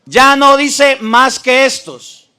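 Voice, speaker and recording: High, bright-voiced priest arguing emphatically. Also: male voice, lively intonation, slow, smooth. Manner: emphatic, addresses opponents directly; repeats and stresses scripture phrases. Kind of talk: preaching debate argument.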